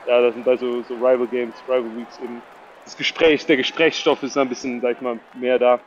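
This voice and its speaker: A man's voice: mid-range voice, level tone, a little fast, highs cut off, a little hiss or hum. A young man from Germany, a football player, answering interview questions hesitantly with many fillers and repeated words.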